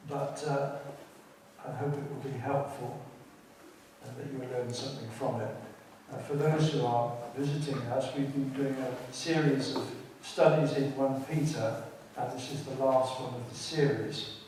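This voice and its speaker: A man with an English accent giving a sermon in a large church, speaking in a measured way with frequent hesitations. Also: medium pitch, steady tone, darkish tone, slight background noise. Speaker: lay preacher. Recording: echoey church from a distance.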